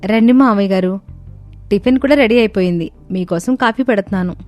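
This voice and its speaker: Lady voicing a sweet meek young daughter-in-law, soft and polite. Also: medium pitch, fairly quick, no room sound, soft background music, natural voice.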